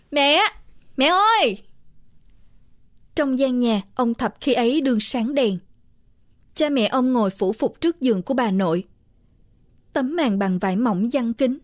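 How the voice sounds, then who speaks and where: A woman reading a horror story aloud in a steady, measured narration. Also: a little high, no room sound, studio quality.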